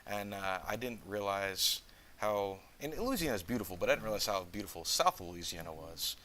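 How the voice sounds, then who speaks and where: A man's voice: lowish voice, animated, brisk, bright, forceful tone, a little hiss or hum, rough recording. A man from Northeast Texas hosting a casual interview, chatty and jokey, rambling a bit. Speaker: podcast host. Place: school campus room.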